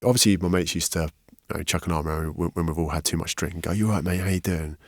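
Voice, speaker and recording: Low-voiced man telling his story. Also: fairly even intonation, fast talker, dry recording, studio quality. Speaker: podcast guest. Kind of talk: candid storytelling. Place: podcast studio.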